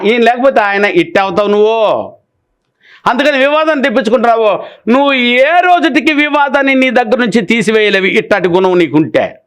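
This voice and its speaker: A male pastor preaching a sermon in an animated way, firing rhetorical questions and calling his listeners "nayana". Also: extremely high pitch, clear, resonant tone.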